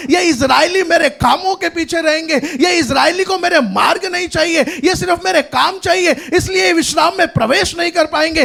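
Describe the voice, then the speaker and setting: A man's voice: very high voice, gravelly, bright, forceful tone. A man preaching a sermon as pastor, emphatic, often raising his voice and repeating lines after a reader.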